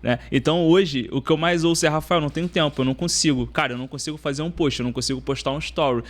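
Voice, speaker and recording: A man hosting a podcast, asking follow-up questions and giving motivational talk with deliberate repetition. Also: fairly high pitch. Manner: motivational, repeats points, asks follow-up questions. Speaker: podcast host. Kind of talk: podcast interview.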